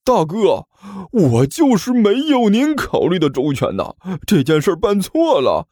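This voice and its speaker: A man voicing a whiny younger sworn brother who begs, high and fast, in a husky voice with soft music behind. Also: wildly swooping pitch, dry recording, clean studio sound, heavily acted. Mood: panicked. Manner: high, fast, wheedling and begging.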